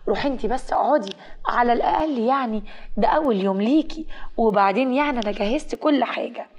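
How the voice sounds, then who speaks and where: A woman's voice: on the high side, quick pace, darkish tone. Woman voicing a kind Egyptian sister-in-law. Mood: affectionate. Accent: Egyptian Arabic. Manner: affectionate and insistent. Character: kind young sister-in-law, warm and fussing.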